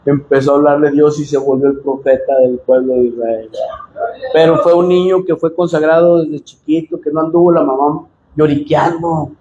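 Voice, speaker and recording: A man with a Mexican accent preaching a sermon as pastor, impassioned and direct with the congregation, often rising to shouts. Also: on the high side, fairly even intonation, normal speed, lo-fi sound. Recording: echoey room with faint noise.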